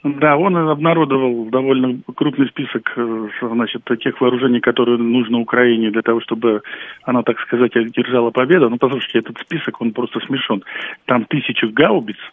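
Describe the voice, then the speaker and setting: A man's voice: medium pitch, steady tone, fairly quick, dry recording. Man on a tinny, breaking-up phone line. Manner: hesitant, many fillers and broken-off words. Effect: breaking-up phone line, connection dropping out. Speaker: military expert phone-in guest. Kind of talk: phone-in commentary on a radio talk show. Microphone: telephone.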